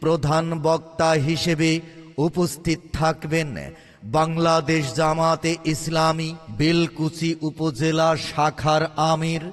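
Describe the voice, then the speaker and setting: Sing-song loudspeaker announcer man, slow and echoing. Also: a little high, completely flat delivery. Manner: sing-song chanting delivery. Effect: outdoor loudspeaker announcement. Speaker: campaign announcer. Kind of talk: public rally announcement. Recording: long reverb, faint background music.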